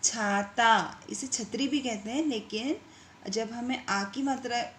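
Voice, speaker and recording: Woman teacher, middle pitch, very slow and patient, drawn-out syllables for small kids, faint hiss on the line. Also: reverberant. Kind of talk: online class lesson.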